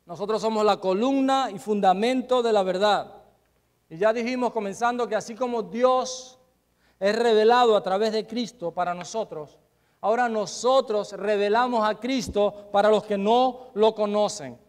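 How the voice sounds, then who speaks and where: A male pastor preaching a sermon, swinging between loud emphasis and quiet asides and asking the congregation rhetorical questions. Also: sits high, moderate pace.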